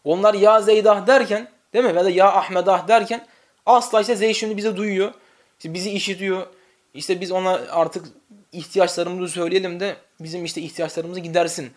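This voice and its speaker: Male religious teacher, high voice, lecturing with rhetorical questions and slow, drawn-out recitation. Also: fairly even intonation. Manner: asks the listeners rhetorical questions and answers them himself; chants the Arabic lament calls slowly and drawn out.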